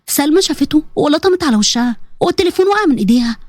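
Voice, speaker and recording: Egyptian woman, dramatic story narration, very fast, high voice, dry close sound. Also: expressive, no echo.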